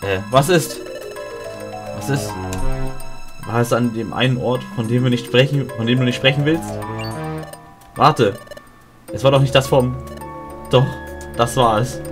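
A man's voice: mid-range voice, a little slow, long pauses, over music. A man playing a video game and reading all of its dialogue aloud, with small slips and restarts. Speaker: let's player.

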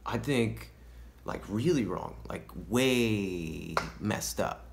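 An actor playing a paranoid young male stoner in a self-tape monologue, rambling and full of "dude" and "man", dropping into whispers and swinging his pitch and volume widely. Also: animated, very slow, vocal fry, noisy background, full character voice. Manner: drops into hushed whispered asides; wildly swinging pitch and loudness.

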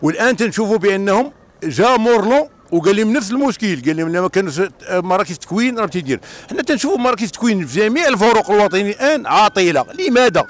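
A man with a Moroccan accent giving an earnest, lecturing opinion in an interview. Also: sits high. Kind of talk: street vox pop interview.

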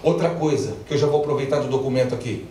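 A man's voice: mid-range voice, fast, dark tone, slight background noise. Male pastor, playful call-and-response preaching; mic off at a distance in an echoey hall. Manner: preaching with jokes, drawing responses from the congregation. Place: large church hall with congregation. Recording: echoey church hall, from far off, crowd audible.

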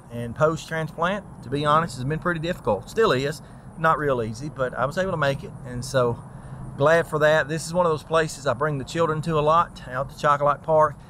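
A man's voice: a little high, fairly bright tone. Guy vlogging while walking outside in a park, easygoing and rambly, lots of uhs, faint traffic noise behind. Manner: easygoing, rambling, with frequent fillers. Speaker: vlog host and transplant recipient. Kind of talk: casual walk-and-talk vlog. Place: outdoors in a large park.

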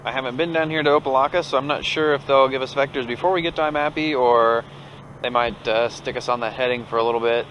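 An American-accented pilot with a mid-range voice talks fast and casually through an aviation headset while flying a small turboprop, narrating the flight vlog-style between clipped radio calls. The lo-fi headset audio carries a little hiss or hum over a steady aircraft drone.

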